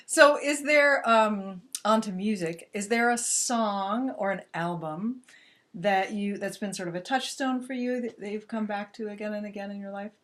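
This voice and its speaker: A woman hosts a relaxed interview in an ordinary mid-range voice. She asks questions and keeps the guest going with soft murmurs of agreement. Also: mid-range voice, normal speed. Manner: encouraging, frequent murmured backchannels. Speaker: podcast host. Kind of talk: casual interview.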